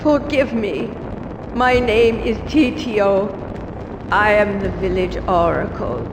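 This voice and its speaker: A woman's voice: medium pitch, slow, reverberant, noisy background, close to an everyday voice. An actress playing a reverent, fearful old woman village oracle in a video game, humble and pleading in archaic formal speech.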